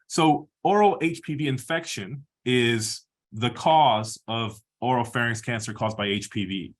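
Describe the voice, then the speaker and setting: Here the middle-aged Peruvian surgeon's voice sits on the low side as he gives his measured webinar talk. Fillers and frequent restarts mark his explanations of the slides.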